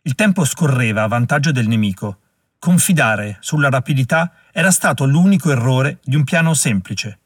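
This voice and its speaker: A man narrating an audiobook in a measured way, slowing down at dramatic moments. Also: mid-range voice, lively intonation, no echo, studio quality. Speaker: audiobook reader.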